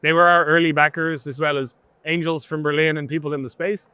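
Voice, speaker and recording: A man speaking as a startup founder in a conversational interview, animated and telling stories in which he quotes his own dialogue. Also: on the high side, fast talker, clear, resonant tone, no echo.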